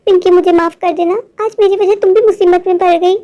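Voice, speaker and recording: A woman's voice: very high-pitched, steady tone, brisk, dark tone, highs cut off. A performer voicing a stubborn but protective young boy who reassures his friend in a cartoon. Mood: reassuring stubborn.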